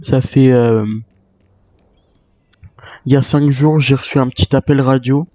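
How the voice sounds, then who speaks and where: The recording is dull and roomy: a gamer, role-playing a survivor, muses hesitantly to himself as a worn-out retired soldier in an improvised monologue. His mid-range voice is mellow, a little slow, and shows little pitch movement.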